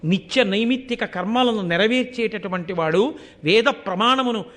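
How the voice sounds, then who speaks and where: A man giving a devotional storytelling discourse, animated, with rhetorical questions and chanted verses. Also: high-pitched, moderate pace. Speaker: spiritual discourse speaker.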